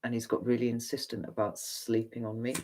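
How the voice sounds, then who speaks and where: A neutral-accented English tarot reader works through a livestream Q&A, chatting candidly, rambling and swearing casually. His mid-range voice has a darkish tone and comes out fairly quick with a flat delivery.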